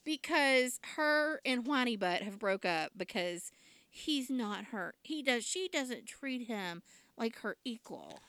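A woman's voice: a little high, lively intonation, takes it slowly, fairly bright tone, smooth, no room sound. A woman, casually recapping a TV drama episode and laughing often. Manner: chatty, laughs often, acts out quotes. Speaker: podcast co-host recapping a TV drama. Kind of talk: casual chat.

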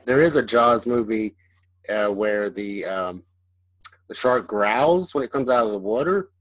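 A man's voice: on the low side, animated, measured pace, fairly bright tone, no room sound. A man co-hosting a podcast in casual chat, hesitant, often trailing off and restarting his sentences. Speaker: podcast co-host.

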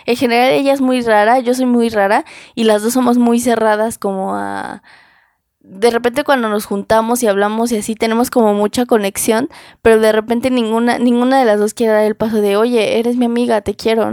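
A young woman with a Mexican Spanish accent chats candidly, leaning on slang and repeating her words. Her voice sits a little high with a gravelly fry running through it. The sound is dry and close, with no room around it. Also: darkish tone, dry recording. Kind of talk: casual conversation.

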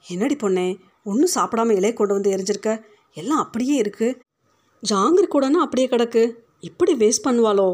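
A woman's voice: mid-range voice, lively intonation, moderate pace, a little mellow, natural voice. A woman reading as a sly old householder. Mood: coaxing. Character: old male Brahmin householder, stingy and sly.

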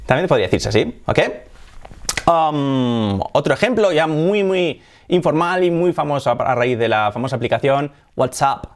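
A man's voice: medium pitch, expressive, unhurried. A man with a Spanish accent from Spain giving a casual lesson, chatty and laughing often, lifting his voice to model phrases. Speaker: English teacher.

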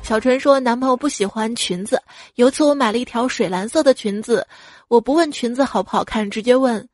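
A woman's voice: fairly high pitch, a little fast, darkish tone, no room sound. A woman hosting a comedy podcast, reading listener jokes, acting out quoted lines and laughing at the punchlines.

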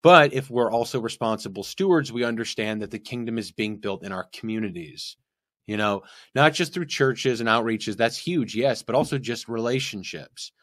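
A man's voice: medium pitch, normal speed, fairly bright tone, dry recording. A man talking through his faith in casual conversation, earnest and rambling, often restarting his sentences.

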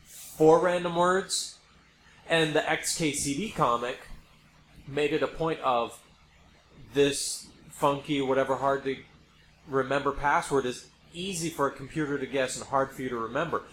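Speaking at a measured pace with fairly even intonation, the podcast host's mid-range voice sounds a bit bright. He lays out his opinions casually and emphatically, repeating points for effect, in a recording with roomy echo and background noise.

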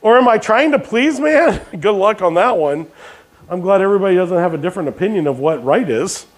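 High-voiced man preaching a sermon. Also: lively intonation, a little fast. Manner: call-and-response questions to the congregation; jokey asides. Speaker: pastor.

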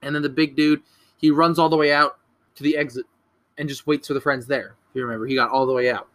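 A man's voice: mid-range voice, flat delivery, fast talker, a bit bright. A young man casually recapping a horror movie on a podcast, rambling, swearing and correcting himself as he goes. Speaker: podcast co-host.

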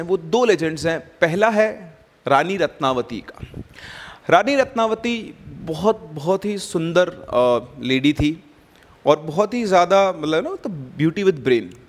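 Male travel vlogger, slightly raised pitch, chatty on-location narration, long echoing reverb. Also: lively intonation, a little slow. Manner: conversational, chatty asides, mixes English words. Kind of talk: casual on-location tour narration. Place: at a ruined hilltop fort.

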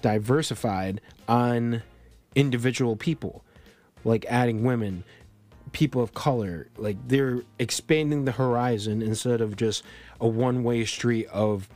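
A man's voice: medium pitch, measured pace, darkish tone, faint music behind. A man born in Colombia co-hosting a podcast, talking politics in a casual, rambling way full of restarts and fillers. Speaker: podcast co-host.

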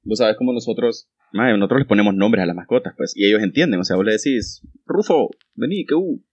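A young man, co-hosting a casual chat and telling animated stories full of crude slang. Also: lowish voice, fast talker, dull audio.

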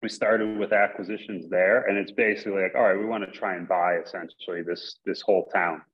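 A man from upstate New York joins a podcast as a guest over a remote call, explaining things in a steady, measured way full of "basically" and "you know". His voice is very low, and the call audio is dull and lo-fi. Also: breathy edge. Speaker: guest, coffee company investor. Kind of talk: casual interview answers.

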